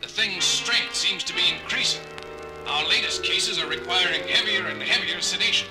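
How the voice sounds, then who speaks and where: A man's voice: high voice, moderate pace, lightly acted, low-quality recording. A man playing a harried, blunt starship doctor under strain in a 1970s science fiction audio drama. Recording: 1970s drama record with music.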